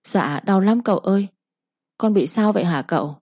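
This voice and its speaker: A woman's voice: medium pitch, animated, normal speed, a little mellow, dry recording, close to an everyday voice. A woman voicing a sly young female servant who whimpers and pleads while faking pain. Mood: whimpering. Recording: slightly muffled recording.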